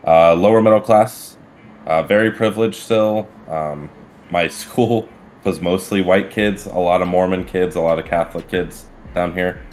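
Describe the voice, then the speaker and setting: A man's voice: deep voice, fairly even intonation, moderate pace, darkish tone, slight background noise. A man from Arizona talking casually as a guest, laid-back and reflective. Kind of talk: casual chat.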